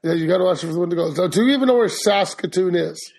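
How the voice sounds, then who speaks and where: A man's voice: sits high, rapid-fire, creaky, a little mellow. A man co-hosting a podcast in casual, joshing, rambling chat. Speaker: podcast co-host.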